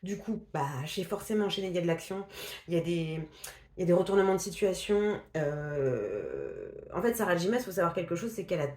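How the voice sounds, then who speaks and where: A book vlogger chats casually about books she's read, her low-leaning, slightly mellow voice very animated and a bit quick. She's hesitant and full of fillers, restarts and laughter, and the sound is roomy.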